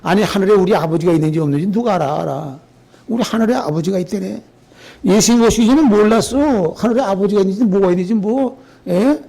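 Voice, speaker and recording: A pastor preaching a Sunday sermon in a colloquial, emphatic way, full of rhetorical questions. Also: male voice, high-pitched, fairly quick, gravelly, warm tone.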